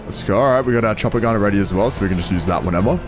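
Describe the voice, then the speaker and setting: A young man with a lowish voice talks at a racing pace, offering casual, joking commentary as he plays a game. He's a gameplay streamer who thinks aloud and swears freely, with game music behind him.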